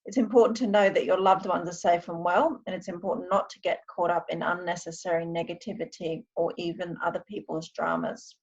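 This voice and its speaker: A woman with a creaky voice leads a mindfulness and meditation session, speaking deliberately and reassuringly straight to her listeners. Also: on the low side, fairly even intonation, muffled recording. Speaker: wellbeing coach and meditation guide. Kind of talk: guided meditation and mindfulness talk. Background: music.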